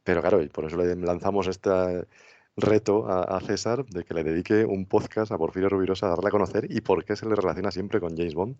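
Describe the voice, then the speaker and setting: A man's voice: deep voice, quick pace, darkish tone. A man with an accent from Spain, chatting casually as a podcast host. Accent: Spanish from Spain. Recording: dull, roomy sound.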